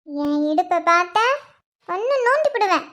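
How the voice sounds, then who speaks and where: Amirtha, a squeaky tipsy wife. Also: very animated, moderate pace, a bit bright, full character voice. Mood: teasing. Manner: pleading, childish, teasing. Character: tipsy young wife, clingy and whiny.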